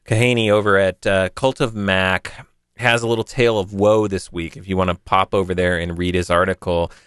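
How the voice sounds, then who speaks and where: A man's voice: sits low, fairly even intonation, normal speed, fairly bright tone, clean tone, dry recording, studio quality. A man hosting a podcast, chatting casually and rambling a little as he answers a listener. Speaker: podcast host. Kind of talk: casual tech podcast talk.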